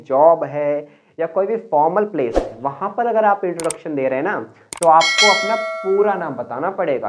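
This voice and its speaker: Man teaching English, tinny phone-like sound. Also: on the high side. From Uttar Pradesh, India. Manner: explains step by step, slows down on model phrases. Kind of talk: spoken English lesson.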